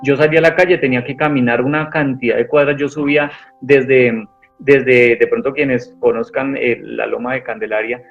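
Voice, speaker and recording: A man's voice: mid-range voice, fairly even intonation, normal speed, creaky. A man giving an earnest personal testimony in an interview, rambling with many restarts. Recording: dull lo-fi sound with faint music.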